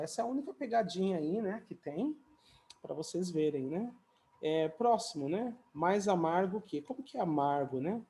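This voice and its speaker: A man's voice: a little high, warm tone. A man teaching English comparatives in a casual, chatty video lesson, often adding little tag questions and light jokes.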